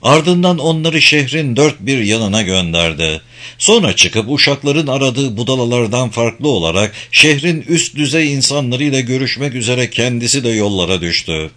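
Lively dramatic male audiobook narrator. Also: mid-range voice, moderate pace. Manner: dramatic storytelling.

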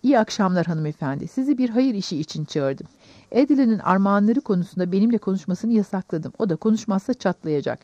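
A woman reading the part of a sarcastic, brusque middle-aged gentleman in an audiobook, with a deep, mocking voice, on a dull recording. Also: lively intonation, fast, no echo, natural voice.

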